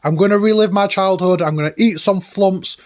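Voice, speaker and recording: Talking a little fast with a high-pitched voice, the same late-30s-to-early-40s host presents his retro gaming countdown from an indoor cabin. His commentary comes across as eager, nostalgic, casual, and emphatic.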